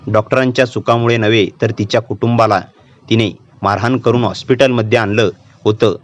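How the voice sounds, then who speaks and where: A man's voice: fairly low pitch, fairly quick, lightly acted. A man voicing a young girl possessed by a vengeful female spirit, speaking in a cold, taunting way. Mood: menacing. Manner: cold, menacing, calmly taunting. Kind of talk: storytelling narration.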